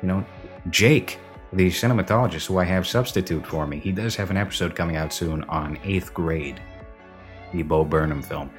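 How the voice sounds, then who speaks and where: A man's voice: low-pitched, normal speed, faint music behind. Man with echoey empty-basement reverb. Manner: rambling, opinionated, self-correcting. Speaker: podcast host. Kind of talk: casual film review chat.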